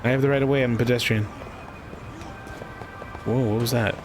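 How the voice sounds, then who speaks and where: A man's voice: mid-range voice, steady tone, fairly quick, music in the background. A man giving casual, joking commentary while playing a video game, often breaking into laughter.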